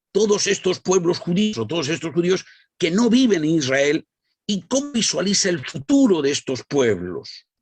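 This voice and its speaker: A man asking a formal question at a public talk, with hesitant, halting phrasing. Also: fairly high pitch, no room sound.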